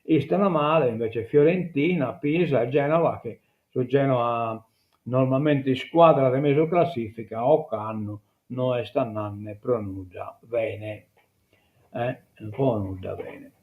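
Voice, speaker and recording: A man's voice: medium pitch, measured pace, narrow, tinny audio. Guy going thru the papers on a live stream, lots of asides and ums, thin phone-ish sound. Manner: reads items aloud with frequent asides and fillers. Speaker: host reading and commenting on the news. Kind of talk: casual news review on a live stream.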